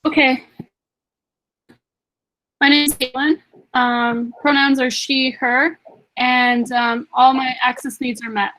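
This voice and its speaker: High-pitched woman on a glitchy call connection, talks slow with little pauses. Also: little pitch movement, a bit bright, poor audio. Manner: hesitant, with pauses and "um". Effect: joining over a choppy online call line that cuts out. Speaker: student society representative at a council meeting. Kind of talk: roll-call self-introduction.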